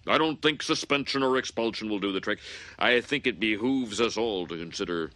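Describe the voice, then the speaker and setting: An actor playing a stiff, fussy middle-aged school principal in a cartoon, speaking in formal, pompous words. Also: male voice, fairly low pitch, animated, brisk, sharp tone, no room sound. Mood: stern. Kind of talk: cartoon voice acting.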